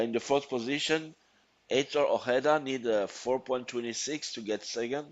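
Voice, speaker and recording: A man's voice: mid-range voice, a little mellow, dull audio. A man with a North African, Moroccan accent and non-native English phrasing, giving live sports commentary. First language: Arabic.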